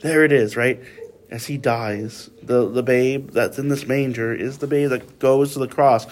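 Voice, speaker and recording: Guy running a laid-back bible study, mid-pitched voice, chatty, keeps asking right?. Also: fairly even intonation, moderate pace. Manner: conversational, frequent "like" and "right?" tag questions. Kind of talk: casual Bible study teaching.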